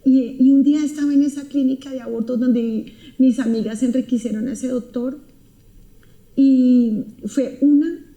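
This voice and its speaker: Echoing in a roomy space, a woman's high, warm voice carries an emotional personal testimony. She tells it earnestly and with intensity, repeating her words as she goes.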